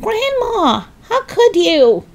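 A frightened little boy in a storybook reading, as a woman puts him on, crying out high and shrill. His voice jumps far above the reader's own and rings with horror. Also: sing-song, slow pace, full character voice. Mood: appalled.

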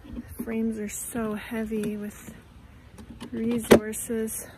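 Sounding let down, a Canadian woman in her thirties thinks aloud while checking a beehive in her backyard bee yard, giving casual vlog commentary as a beekeeping vlogger. She speaks very slowly in a monotone, on the high side. Shot selfie-style on a close-held phone, the audio carries loud outdoor noise.

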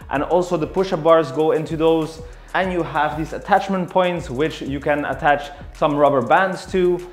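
Young man, fitness gear review, explanatory and detailed, slightly high voice, echoey room, faint music behind. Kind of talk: product review. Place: indoor home room.

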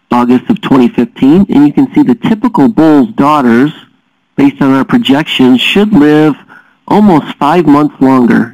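Man, lecturer, steady explanatory delivery, dull lo-fi recording, dry room. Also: medium pitch, no echo. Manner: explanatory, steady, with frequent "uh" fillers. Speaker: dairy science lecturer.

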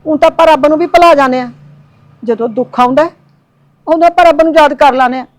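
A woman's voice: high voice, fast, lightly acted. A woman playing a grieving old village mother. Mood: resigned. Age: older. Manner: pleading and consoling. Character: grieving elderly village mother, tender and devout. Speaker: actor. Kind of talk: village drama acting.

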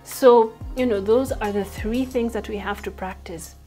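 A woman Sunday school teacher telling a Bible story to children, animated, with asides to the kids. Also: fairly high pitch, normal speed, soft background music.

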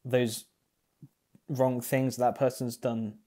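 A young pastor's mid-range voice, warm and level, carries an online sermon recorded in a small room at home. He speaks into an earphone mic while facing the camera, taking his time thoughtfully and saying um often.

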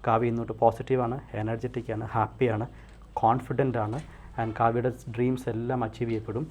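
A man leading a guided hypnosis session, repeating soft commands to relax and go deeper and counting slowly. His voice sits at an ordinary middle pitch. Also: little pitch movement, slight background noise. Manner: repetitive soothing commands, slow counting.

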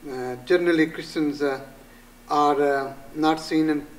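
An older man with a Pakistani accent, a pastor being interviewed, speaking earnestly with many halting pauses as he recounts and quotes scripture. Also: on the high side, steady tone, recorded from a distance, low-quality recording. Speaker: pastor, guest. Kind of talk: interview answers. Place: small studio room with green wall.

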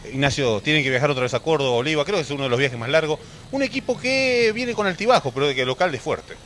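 Rapid-talking Argentine sports reporter. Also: male voice, fairly high pitch, lively intonation, a bit bright, slight background noise. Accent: Argentine Spanish. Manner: rapid, chatty questions with many fillers. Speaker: sports reporter interviewing a player. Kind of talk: local TV sports interview.

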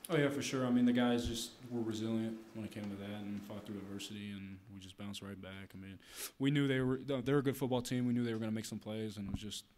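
Young man, linebacker, press conference, quick delivery, "I mean" habit, faint background hiss. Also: on the low side. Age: young adult. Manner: quick, flat, peppered with "I mean". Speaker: college linebacker. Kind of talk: post-game press conference answers. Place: press room with logo backdrop. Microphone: table mic.

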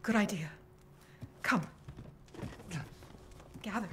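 A woman voicing an anxious, motherly villager in a horror game, speaking gently and with worry. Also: mid-range voice, extremely slow. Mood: anxious, gentle. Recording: noisy game audio under stream.

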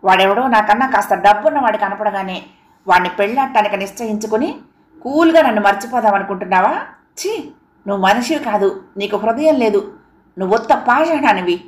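A woman's voice: mid-range voice, lively intonation, a little fast, close to an everyday voice. A woman voicing a jilted young man in an audiobook, scornful and bitter, recorded in a roomy echo. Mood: angry, bitter. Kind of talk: audiobook character reading.

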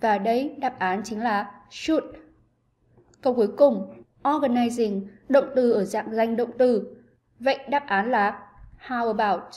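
A woman teacher giving an online English lesson to pupils, explaining grammar with clear, patient pacing. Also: fairly high pitch, unhurried, darkish tone.

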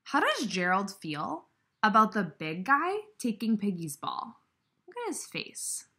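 In a room with a brick wall beside a window, a woman reads a lesson aloud to young children as their kindergarten teacher, questioning and instructing them directly. Her medium-pitched voice is very animated, pushed, bright and slightly rough, at a measured pace.

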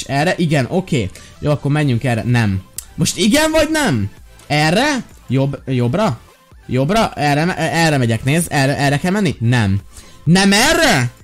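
A young man chatting casually while playing a game, joking and sounding exasperated as he talks to his companions. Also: medium pitch. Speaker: Minecraft gaming video host. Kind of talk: casual gameplay chat. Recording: faint background music.

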